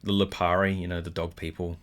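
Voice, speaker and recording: A man's voice: deep voice, flat delivery, fairly quick. A man co-hosting a casual review chat with an Australian accent, chatty and hedging, often laughing. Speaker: podcast co-host.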